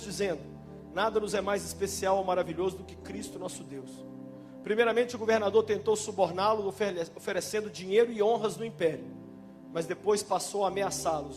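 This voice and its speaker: A man with a Brazilian Portuguese accent preaching a sermon, fervent and emphatic with sudden loud bursts. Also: high-pitched. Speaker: pastor. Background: instrumental music playing under the preaching.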